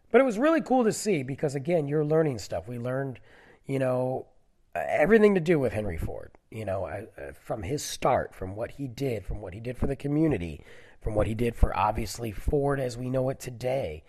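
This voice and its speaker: A man in his forties, stuffy from a cold, chats casually on his own, rambling and digressing through stories packed with fillers. His mid-range voice swings widely in pitch at a normal speed.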